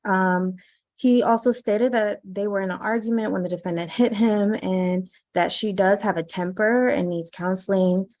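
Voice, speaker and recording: A woman's voice: mid-range voice, fairly even intonation, moderate pace, darkish tone, no room sound. Woman on a glitchy, robotic video call. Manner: hesitant, with frequent ums. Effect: glitchy, robotic bad-connection audio. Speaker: prosecutor. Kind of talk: formal statement at a video-call court hearing.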